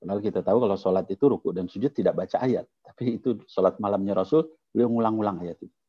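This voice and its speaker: A man's voice: lowish voice, rapid-fire, breathy edge, no room sound, highs cut off. A male preacher giving a storytelling sermon in a mosque and addressing his listeners as his children.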